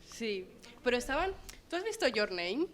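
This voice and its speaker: A woman's voice: on the high side, big pitch swings. Young woman, student guest, casual agreeable chat, noisy clicks behind. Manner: agreeable, quick to say yes.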